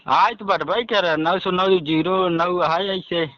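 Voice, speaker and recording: A man's voice: high voice, a little slow, sharp tone, no room sound. A man with a rustic eastern Uttar Pradesh accent, talking casually and insistently as a customer on a phone call, often repeating himself. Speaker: telecom customer on a support call. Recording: dull, dry phone recording.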